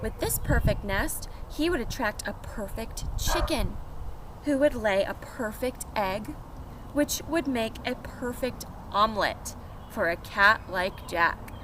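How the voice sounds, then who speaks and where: A woman with a fairly high voice reads a picture book slowly and expressively to young children, turning aside now and then to address them. She's outside among pet chickens. The recording is noisy and carries urban ambience.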